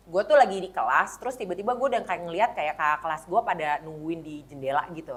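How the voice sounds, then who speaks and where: A woman's voice: on the low side, fast. A woman, co-hosting a casual chat and telling a story animatedly, acting out the quotes. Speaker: co-host.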